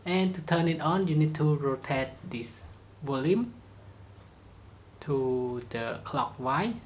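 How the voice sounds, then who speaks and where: Short, hesitant phrases with non-native grammar mark this slow, medium-pitched tutorial presenter. They demonstrate a product one step at a time while constant background noise persists.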